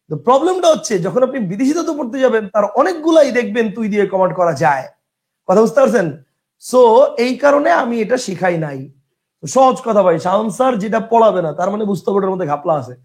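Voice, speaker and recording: Young male teacher, high voice, drills lists by rote and quizzes the room. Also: animated, a little fast, darkish tone. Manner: drills by chanting lists, asks and answers own questions. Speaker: grammar teacher. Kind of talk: classroom lecture.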